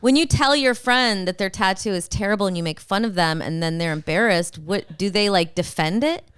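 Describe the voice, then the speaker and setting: A woman's voice: mid-range voice, brisk, a bit bright, smooth, dry recording. A woman co-hosting a podcast, chatting casually and putting questions to the others. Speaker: podcast co-host. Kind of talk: casual chat, asking questions.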